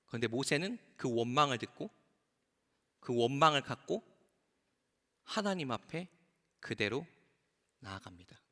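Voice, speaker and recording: A male pastor preaching a sermon. He asks the congregation questions and drops to a soft, low voice to land his key points. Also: expressive, normal speed, long pauses. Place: church sanctuary. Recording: long church hall reverb.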